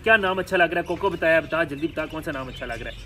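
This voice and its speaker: Talking very fast in a fairly high voice, a young man playfully scolds and coaxes his pets while filming them at home. The pet and bird vlogger is outdoors in a yard with pet cages; birdsong is loud, and there's a little hiss or hum.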